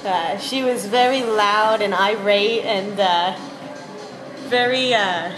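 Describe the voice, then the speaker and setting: A woman's voice: medium pitch, slow. A young woman with a Bronx accent, telling family stories in a casual, chatty recorded interview. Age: young adult. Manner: chatty, anecdotal storytelling. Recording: echoey, with music behind.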